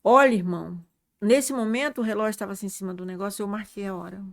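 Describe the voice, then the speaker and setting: A woman, a guest telling an emotional religious testimony. She tells it dramatically and earnestly, swinging from hushed to loud and repeating herself. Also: medium pitch, fast, gravelly. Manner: repetitive, earnest, addresses listener as "irmão". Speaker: guest, prayer circle leader.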